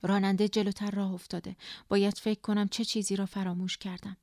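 A woman reading first-person literary narration in a subdued, quiet, introspective way. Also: mid-range voice, level tone, no echo, studio quality. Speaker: audiobook narrator.

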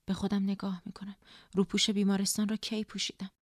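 A woman reading first-person literary narration in a subdued, quiet, introspective way. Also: medium pitch, monotone, no echo, clean studio sound. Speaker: audiobook narrator.

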